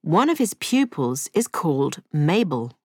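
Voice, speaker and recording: A woman narrating a cartoon story in a scripted, clear storybook manner. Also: low-pitched, big pitch swings, unhurried, a little mellow.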